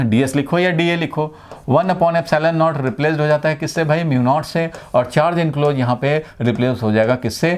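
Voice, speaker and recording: A middle-aged physics teacher from India, lecturing at a board and explaining step by step, often asking the class rhetorical questions. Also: male voice, mid-range voice, darkish tone.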